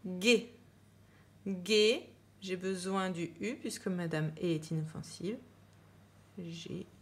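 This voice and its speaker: Woman schoolteacher, unhurried dictation voice, stresses each word and spells it out. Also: lowish voice, steady tone. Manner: slow, clear dictation, spelling words letter by letter; repeats each word with emphasis. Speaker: primary school teacher. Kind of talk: dictation lesson for children.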